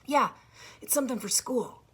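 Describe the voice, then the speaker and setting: A woman's voice: fairly high pitch, expressive, fairly bright tone, husky, pitched above the performer's own voice, exaggerated voice. A shy stammering country boy, as a woman reads him. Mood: nervous. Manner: halting, stammering.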